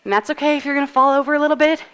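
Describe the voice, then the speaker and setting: A woman's voice: high voice, racing, fairly bright tone. A woman coaching a live workout, out of breath while she cues moves and counts down. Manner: upbeat, encouraging, cues moves while exercising. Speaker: fitness instructor. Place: fitness studio.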